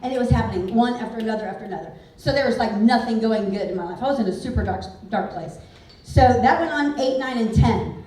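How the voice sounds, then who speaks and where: A woman's voice: on the high side, fast talker, mellow, recorded from a distance. A woman, giving a candid, conversational motivational talk to an audience. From Houston, Texas. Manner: candid, conversational, frequent "like" fillers. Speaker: real estate speaker. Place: large event hall. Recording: very echoey hall, picked up from afar.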